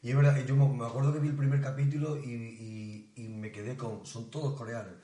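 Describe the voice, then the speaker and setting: A man's voice: mid-range voice, flat delivery, a little fast, warm tone. A young man co-hosting a casual podcast with friends, gushing about a series and repeating himself. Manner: enthusiastic, repeats himself, hesitant restarts. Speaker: podcast co-host. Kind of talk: casual chat among friends. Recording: echoey room, off-mic.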